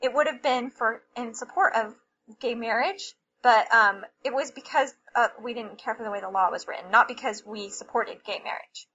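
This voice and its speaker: A woman guest on an interview show, candidly telling a personal story in an emotional, halting way. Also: on the high side, a bit bright. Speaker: podcast guest. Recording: slightly dull lo-fi recording with faint hiss.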